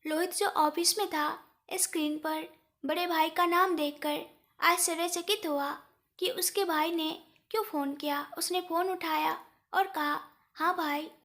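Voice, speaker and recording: A woman narrating a romance story in scripted form, with a steady, even storytelling delivery. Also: very high-pitched, measured pace.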